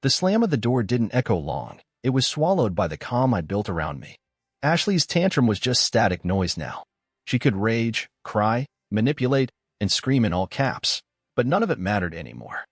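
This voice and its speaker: A man narrating a first-person story in a calm, measured, scripted way. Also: lowish voice, slightly rough, dry recording, clean studio sound.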